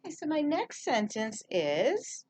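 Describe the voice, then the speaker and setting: A woman teaching young children to read sentences and write letters, speaking clearly and encouragingly, drawing out her words. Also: high-pitched, huge pitch swings, unhurried, a little mellow. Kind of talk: early reading and handwriting lesson for young children.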